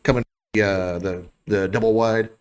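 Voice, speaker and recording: A man's voice: fairly low pitch, steady tone, a little slow, clear, resonant tone. A man acting as game master, describing scenes and explaining rulings in a loose, conversational way. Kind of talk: narrating a tabletop game.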